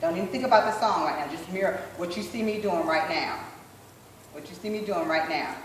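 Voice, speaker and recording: A woman instructor coaching a group rehearsal, encouraging them and slowly repeating phrases as she demonstrates. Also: lowish voice, echoey room, far from the mic, slight background noise. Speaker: sign language dance instructor.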